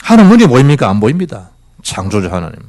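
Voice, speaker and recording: Male pastor in his middle years, preaching in church, hugely animated pitch, quizzing the flock. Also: fast. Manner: animated preaching with rhetorical questions and swings from loud to hushed. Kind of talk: sermon. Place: church sanctuary.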